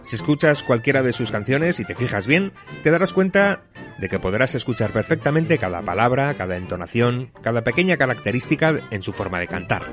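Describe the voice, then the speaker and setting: A man's voice: medium pitch, lively intonation, fairly quick. A man giving wry, conversational advice as a contributor to a radio music segment.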